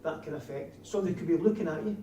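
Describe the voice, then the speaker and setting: Dark-voiced broad Scottish man, echoey room. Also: a little high, very fast. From Scotland. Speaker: trainer of door supervisors. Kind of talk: classroom instruction with questions to trainees. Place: indoor training classroom. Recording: distant mic, echoey room, faint noise.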